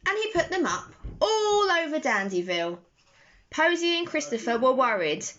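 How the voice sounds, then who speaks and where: A young woman's high voice carries a children's bedtime story, paced slowly and phrased with animation and care. The bedroom recording comes from a phone at arm's length and sounds a bit dull, with a faint hiss or hum.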